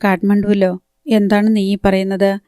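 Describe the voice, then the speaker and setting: A woman voicing a gentle young man who speaks softly and reasonably. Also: mid-range voice, little pitch movement, normal speed, smooth, no echo, clean studio sound, natural voice. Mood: puzzled.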